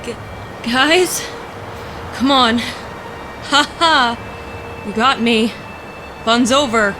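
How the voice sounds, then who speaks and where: Woman doing a scared young girl in a tent, high and slow, music behind. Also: noisy background. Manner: nervous, pleading, shouting.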